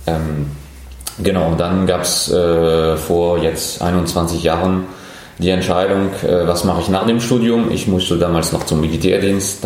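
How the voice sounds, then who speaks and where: A man in his forties from France, speaking German with a French accent, answering interview questions as a startup founder with thoughtful pauses. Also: sits low, darkish tone, heavy reverb. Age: 40s. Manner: thoughtful, many pauses and fillers.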